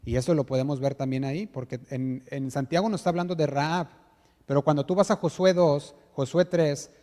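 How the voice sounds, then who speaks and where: A man preaching a sermon in Spanish with a Mexican accent, speaking earnestly and emphatically, asking rhetorical questions and slowing down on key words as he reads scripture aloud. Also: a little high, mellow, long reverb tail. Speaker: pastor. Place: church sanctuary.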